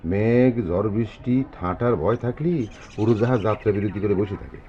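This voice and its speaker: A man's voice: lowish voice, normal speed, warm tone, highs cut off, natural voice. An actor playing a bossy, blustering village father, speaking. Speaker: father of the household. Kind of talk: rural comedy drama acting.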